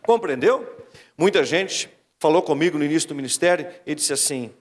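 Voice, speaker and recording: A Brazilian man preaches a wedding sermon in a high, lively voice that swings up and down as he exhorts. He mimics whiny excuses now and then. The sound rings with the long reverb of a big church hall. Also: normal speed. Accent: Brazilian Portuguese. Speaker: pastor officiating a wedding.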